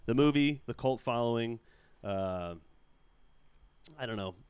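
A man's voice: mid-range voice, unhurried, a little mellow, clean tone, no room sound. A man hosting a casual podcast chat, joking, rambling and laughing often. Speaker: podcast host.

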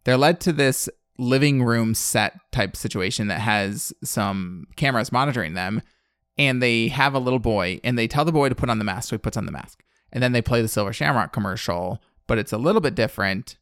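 A man's voice: mid-range voice, lively intonation, brisk, fairly bright tone, clean tone, no room sound, studio quality. A man in his thirties hosting a podcast, recapping a film in casual chat, blunt and sarcastic, with plenty of fillers. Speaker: podcast host.

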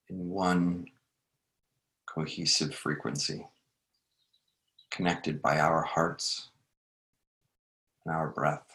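A man leading a guided meditation, speaking gently in short phrases with long unhurried pauses. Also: extremely low pitch.

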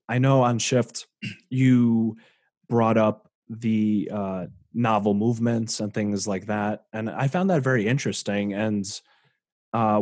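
A man hosting an interview podcast, asking questions in a slow, hesitant way. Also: fairly low pitch, a little mellow, no room sound, clean studio sound. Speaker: podcast host.

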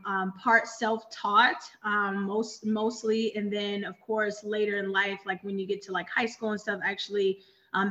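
Woman, 30s, from Virginia, interview guest, animated storyteller, bright tense tone, dull audio. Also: medium pitch. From Richmond, Virginia. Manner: chatty, animated storytelling with fillers. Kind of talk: casual interview chat.

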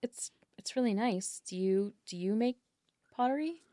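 A woman playing a tabletop game, speaking in a shy, halting, stammering way. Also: on the high side, expressive, warm tone, dry recording, studio quality. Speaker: player. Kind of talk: tabletop game role-play.

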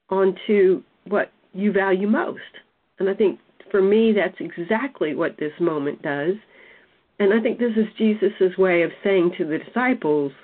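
Thoughtful woman on a tinny line. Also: mid-range voice. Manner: thoughtful, searching for words. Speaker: Bible study discussion leader. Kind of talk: reflective group discussion. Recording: tinny phone or call line.

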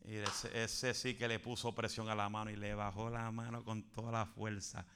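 A man preaching a fervent Pentecostal sermon, building to shouts and dropping in English phrases. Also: on the low side, flat delivery, normal speed, clear, resonant tone.

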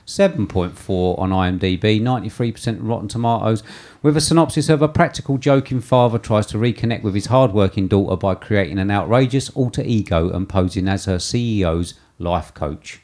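A man co-hosting a casual film podcast, chatty and quick to laugh, reading out film details. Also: lowish voice, animated, darkish tone. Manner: chatty, laughs often, reads lists of film facts. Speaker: podcast co-host.

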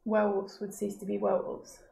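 A woman's voice: mid-range voice, completely flat delivery, brisk, gravelly, mellow. A woman playing a tabletop role-playing game, talking casually in and out of character. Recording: echoey room.

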